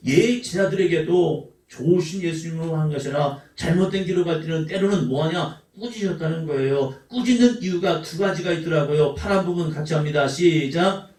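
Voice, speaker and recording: Male pastor, high raspy voice, fiery sermon delivery, echoey church from a distance. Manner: emphatic preaching, shifts between shouts and soft asides. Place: church sanctuary.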